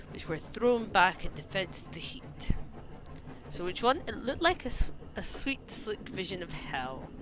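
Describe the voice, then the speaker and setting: A streamer in a live broadcast, alternating between reading a story game's narration aloud and asking viewers which choice to make. The voice sits in a middle range, relaxed and conversational, with steady background noise under it. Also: mid-range voice. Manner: reads game text aloud and chats with viewers.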